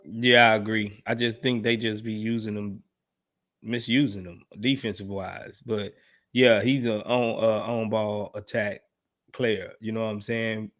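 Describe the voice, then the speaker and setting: A man hosts a loose post-game basketball talk show, reading out viewer comments as they come in. He talks in an animated, slangy way and keeps checking in with "you know what I'm saying". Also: on the low side, measured pace. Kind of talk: casual post-game chat.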